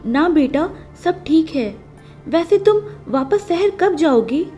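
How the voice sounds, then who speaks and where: A woman voicing a middle-aged village mother who hides her grief, talking in a hushed, hesitant and evasive way. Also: high-pitched, expressive, slow pace, faint music behind, voice pushed up.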